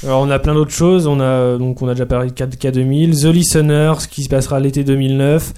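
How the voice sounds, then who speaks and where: A man's voice: mid-range voice, fairly even intonation, quick pace, dark tone, clean tone. A man co-hosting a casual chat about TV series, hesitant, with many fillers. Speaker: podcast co-host.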